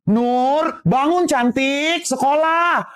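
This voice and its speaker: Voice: high voice, drawn-out words, a bit bright, heavily acted. A performer voicing a goofy, doting father who fusses and coaxes. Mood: coaxing.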